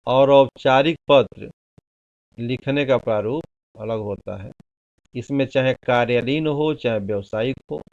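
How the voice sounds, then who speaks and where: Male teacher giving a slow classroom lecture, mid-pitched voice, dull dry lo-fi recording. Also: darkish tone, dry recording. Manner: slow, deliberate explaining with examples. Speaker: Hindi teacher.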